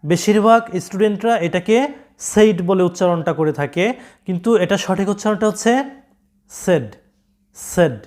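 A man with a Bengali accent teaching English pronunciation, speaking to viewers directly and repeating each word slowly. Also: sits high, a little mellow. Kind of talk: online language lesson.

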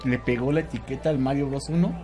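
A Mexican man hosting a casual podcast, telling stories in an animated way, laughing often and swearing freely. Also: medium pitch, fast talker, soft background music. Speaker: podcast host. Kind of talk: casual storytelling chat.

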